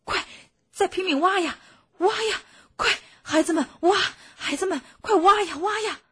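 A woman voicing a brave fox father urging his children on in a storybook reading, loud and raised. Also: extremely high pitch, normal speed, no room sound, studio quality, pitched above the performer's own voice. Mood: urgent. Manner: urgent, commanding.

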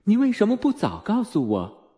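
Gentle puzzled mother, voiced by a man. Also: fairly high pitch, big pitch swings, moderate pace. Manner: tender, questioning.

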